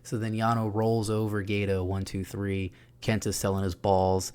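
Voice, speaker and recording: Young dude w a lowish voice, hyped, swearing, laughing thru a wrestling recap. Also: male voice, moderate pace, smooth. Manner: excited, profane, laughing often. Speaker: wrestling reviewer. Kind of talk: casual recap of a show.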